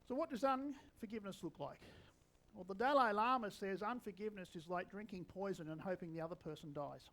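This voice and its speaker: Speaking briskly, a sixty-something preacher with a strikingly high voice chats easily with his congregation during his sermon and drops in touches of dry wit. The recording is rough.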